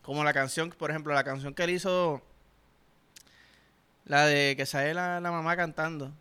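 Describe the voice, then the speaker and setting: A young Puerto Rican man with a Puerto Rican accent reacting to music, excitable and emphatic, swearing constantly. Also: a little high, normal speed, smooth. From Puerto Rico. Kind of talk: reaction commentary. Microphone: headphones while listening.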